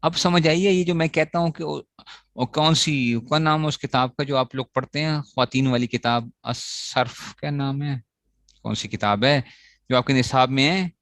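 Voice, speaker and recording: A man's voice: mid-range voice, steady tone, moderate pace, fairly bright tone, no room sound. A man teaching a grammar lesson to students, asking questions and answering them himself as he repeats the key points. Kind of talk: classroom lecture on Arabic grammar.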